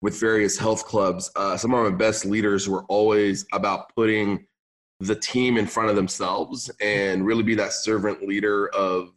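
A man's voice: on the low side, level tone, moderate pace. A young man from Lebanon raised in California, speaking English as a second language, chatting casually as a podcast guest. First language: not English. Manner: casual, says "man" often, restarts sentences. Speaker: podcast guest, gym business owner. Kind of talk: casual interview chat.

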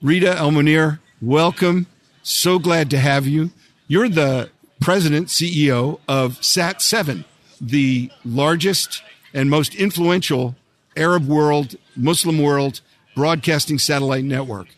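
A man's voice: on the high side, measured pace. A man hosting a podcast interview, enthusiastic and affirming, often replying with "wow" and "yeah". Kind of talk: interview conversation.

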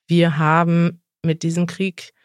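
A woman's voice: fairly low pitch, monotone, slow, clear, resonant tone, no room sound, studio quality. Earnest woman podcast co-host. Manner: earnest, thoughtful, with some hesitant restarts. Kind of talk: conversational podcast talk, reading listener messages aloud.

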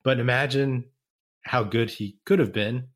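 A man's voice: mid-range voice, steady tone, unhurried. A man from the San Francisco Bay Area, hosting a casual sports podcast and chatting loosely with plenty of fillers. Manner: conversational, leans on fillers like "like" and "man". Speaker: podcast host.

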